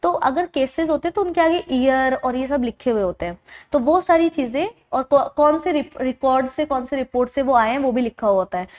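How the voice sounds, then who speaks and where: A woman's voice: sits high, moderate pace, darkish tone. A woman tutor teaching an exam-prep lecture, explaining things step by step and checking that her students follow.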